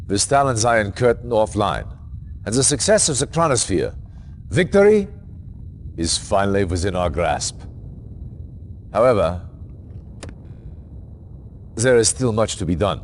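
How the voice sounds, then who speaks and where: A male actor with a lowish, exaggerated voice plays a grave, authoritative military commander in a video game cutscene. He speaks in a stern, formal, deliberate way, with slight background noise.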